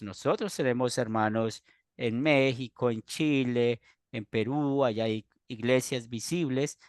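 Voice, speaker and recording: A man, a pastor teaching a church doctrine class in an earnest, explanatory way with pauses and restarts. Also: medium pitch, no echo, clean studio sound.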